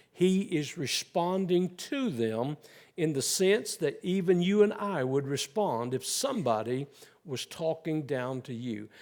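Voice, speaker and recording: A man's voice: on the high side, mellow. A man preaching a sermon as pastor of a church, voicing scripture with sarcastic asides.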